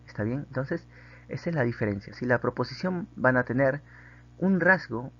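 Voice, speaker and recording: A man's voice: mid-range voice, animated, moderate pace, highs cut off. A man teaching a grammar lesson, patiently explaining and often checking in with the class through tag questions.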